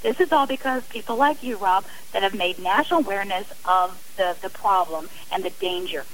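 A middle-aged woman, speaking as a radio guest and domestic violence advocate, makes long, passionate and earnest appeals in a brisk, mid-range voice with a fairly bright tone. The interview recording is rough and hissy.

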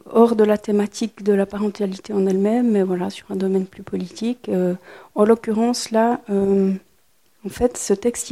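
A woman author reads her own plays aloud to a live audience in a soft, mellow voice. Between readings she comments and pauses often to search for words. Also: mid-range voice.

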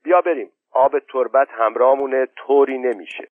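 A man's voice: medium pitch, dry recording, pitched above the performer's own voice, close to an everyday voice. A man reading aloud voices a superstitious old village woman who calls out insistently. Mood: worried. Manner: raised, pleading, with calls into the dark. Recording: thin phone-like sound.

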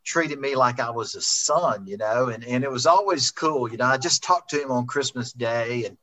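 A man's voice: mid-range voice, normal speed, pushed and bright. A middle-aged man, a racing driver, rambling and repeating himself as he remembers a friend in a heartfelt conversation. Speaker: racing driver, interview guest. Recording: dull lo-fi sound.

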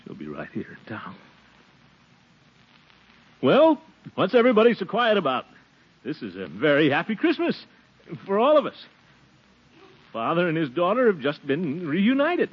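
An American actor playing a big-hearted, sentimental middle-aged uncle in an earnest, theatrical 1940s radio style. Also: male voice, fairly high pitch, wildly swooping pitch, normal speed, long pauses, slightly rough, full character voice. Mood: earnest, moved. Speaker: lead actor in a radio comedy. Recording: muffled, noisy 1940s radio recording.

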